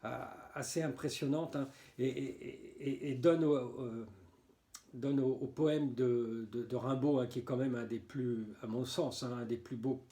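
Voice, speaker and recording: A man's voice: mid-range voice, steady tone, a little slow, warm tone. A man casually reviewing albums from his own collection, hesitating often, repeating words and tagging his phrases with little filler words. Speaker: music collector presenting albums. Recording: roomy echoey room.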